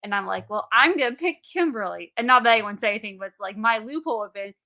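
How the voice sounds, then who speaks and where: Woman, late 20s, co-host, bright voice, teasing and light. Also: medium pitch, lively intonation. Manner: playful, teasing, quick to laugh. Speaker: podcast co-host. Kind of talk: casual chat.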